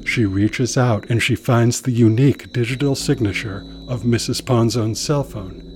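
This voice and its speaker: A man narrating a scripted children's story in an animated, expressive reading voice. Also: medium pitch, moderate pace, slight background noise.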